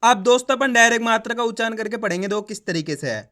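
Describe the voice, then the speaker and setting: A man's voice: very high-pitched, fast, pushed and bright. A man teaching reading online, sounding out words syllable by syllable, drawing out each finished word, and coaxing the viewer directly.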